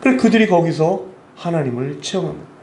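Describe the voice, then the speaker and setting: A man's voice: on the high side, lively intonation, a little fast. Impassioned male missionary preaching in an echoey church. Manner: impassioned, swings between loud appeals and hushed storytelling. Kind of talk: emotional sermon. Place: church sanctuary. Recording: echoey church hall with faint ambient noise.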